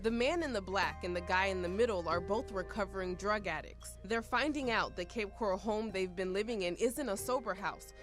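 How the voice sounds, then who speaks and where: A woman TV news reporter narrating a news story in a measured, clear newsreader delivery. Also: mid-range voice, faint music behind.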